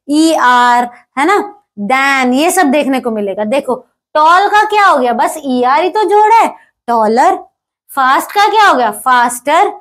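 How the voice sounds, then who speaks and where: Teaching grammar in a high voice, a woman walks through the material step by step. She frequently asks whether her students are keeping up, and she reads the English example sentences slowly.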